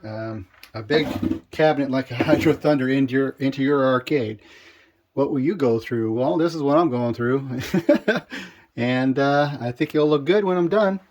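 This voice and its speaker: An arcade collector vlogger with a mid-range, darkish voice speaks at normal speed while casually touring his home game room. He's chatty and rambling, full of fillers, and his voice sounds a bit off following tonsil surgery.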